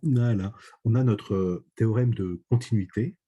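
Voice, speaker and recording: Male math teacher, low dark husky voice, halting lecture delivery with constant "d'accord?" checks. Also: lo-fi sound. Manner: hesitant, many fillers and checks for understanding. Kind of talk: online lecture.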